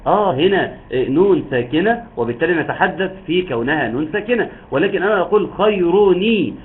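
A man's voice: high-pitched, animated, quick pace. A man teaching Quran recitation rules in an online lesson, explaining patiently step by step and drawing out words to demonstrate. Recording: tinny phone-like line with faint hiss.

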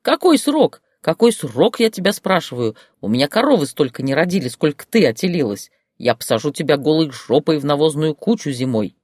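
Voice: animated, a little fast, few pauses, darkish tone, no room sound, studio quality, lightly acted. A reader shrieking as a furious old village granny. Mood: furious scolding. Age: older. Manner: shrill scolding, swearing. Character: loud bossy old village grandmother.

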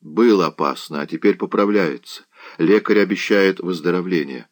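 A man plays a calm, grave knight in a storybook reading. His voice sits low and his speech is measured and sober.

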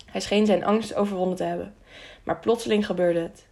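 Woman narrating an audiobook, gravelly. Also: medium pitch, fairly even intonation, brisk, dark tone.

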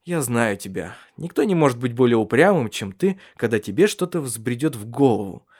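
Male reader doing a curt, wry bedridden husband; plain voice, expressive swings. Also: medium pitch, moderate pace. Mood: dry. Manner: dry, curt, teasing. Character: wry, stubborn paralyzed husband. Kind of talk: audiobook character reading.

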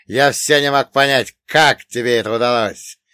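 A man plays a sneering middle-aged oligarch in an audiobook. The voice is cold, contemptuous and louder than the narration around it, with sharp barked words. The recording is dry and close. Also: mid-range voice, moderate pace, clean tone, dry recording, natural voice. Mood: menacing. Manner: scornful, barking.

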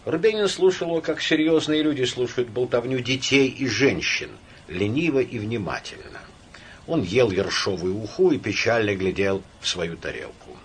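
Man reading a story with animated, lively delivery. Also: medium pitch, normal speed, a little hiss or hum. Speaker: audiobook reader. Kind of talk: expressive audiobook narration.

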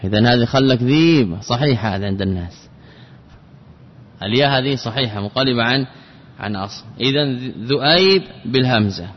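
A man's voice: medium pitch, slight background noise. Man teaching in an echoing hall. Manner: repeats words slowly and drills each example. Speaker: teacher of Arabic grammar. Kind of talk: classroom lesson. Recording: dull lo-fi recording with long hall reverb.

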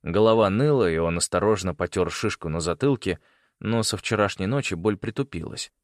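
A man reading an audiobook in scripted narration, expressive and voicing each character. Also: sits low, a little fast, no echo, clean studio sound.

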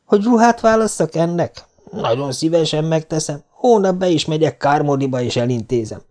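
A man's voice: a little high, lively intonation, mellow, pitched above the performer's own voice, close to an everyday voice. A man voicing a talkative, obliging neighbour woman, eager to help. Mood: eager, chatty. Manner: chatty and obliging.

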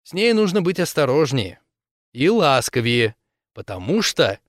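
A man voicing a stubborn old soldier who talks in a firm, steady way. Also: mid-range voice, measured pace, dry recording, clean studio sound. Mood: calm.

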